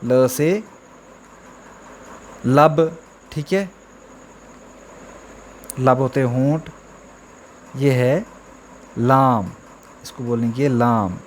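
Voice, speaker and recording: A man teaching the alphabet to beginners, sounding out each letter slowly and repeating example words with frequent check-ins. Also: mid-range voice, a little hiss or hum. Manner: drawn-out, repetitive letter drills with frequent "theek hai". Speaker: Urdu teacher. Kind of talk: slow beginner alphabet lesson.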